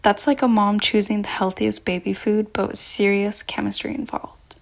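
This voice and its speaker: A woman's voice: medium pitch, little pitch movement, moderate pace, vocal fry. A woman presenting scripted educational narration, explaining things directly to the listener.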